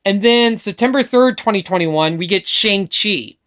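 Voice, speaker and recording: Excitable woman gushing about movies. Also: medium pitch, normal speed. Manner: excitable, gushing, swears casually. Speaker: vlogger. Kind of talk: casual opinion chat.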